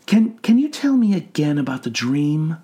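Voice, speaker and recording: A man voicing a composed female asylum doctor who speaks in a flat, measured, soothing tone. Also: a little high, breathy edge, voice pushed up. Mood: probing.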